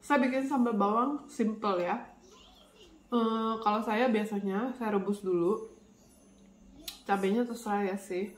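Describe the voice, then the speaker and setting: A woman's voice: medium pitch, fairly even intonation, unhurried, long pauses. A woman with a blocked, nasal voice from a cold, chatting casually as a vlogger while she eats. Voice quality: congested, stuffy-nosed nasal voice. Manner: chatty, colloquial, often speaking between bites. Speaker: vlogger, channel host. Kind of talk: casual chat while eating, mukbang vlog. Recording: roomy echo, faint background noise.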